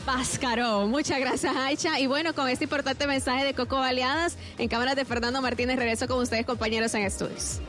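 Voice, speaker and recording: A woman field reporter asking brisk, formal questions in a news interview. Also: high voice, steady tone, music in the background.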